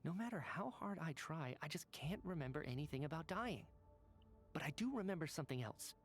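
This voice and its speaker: A man voicing a calm reasoning scientist. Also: fairly high pitch, natural voice. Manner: measured, thoughtful, explanatory. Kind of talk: video game voice acting. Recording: game audio with faint music behind.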